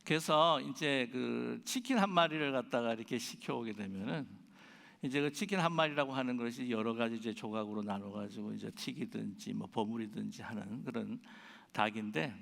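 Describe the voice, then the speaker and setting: A man's voice: mid-range voice, moderate pace, gravelly, fairly bright tone. A male pastor telling a story in a conversational sermon, with many fillers and now and then acting out the people he quotes. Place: large church sanctuary. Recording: church livestream with long reverb and faint music.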